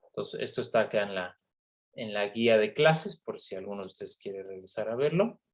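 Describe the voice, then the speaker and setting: A man's voice: lowish voice, lively intonation, moderate pace. A man giving an online university lecture on phonetics, explaining patiently and checking in with frequent tag questions.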